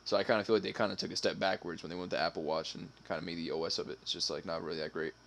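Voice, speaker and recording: A man's voice: low voice, steady tone, racing, vocal fry, fairly bright tone. A man co-hosting a live stream, chatting loosely with lots of profanity, laughter and hesitant fillers. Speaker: stream co-host. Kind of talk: casual chat.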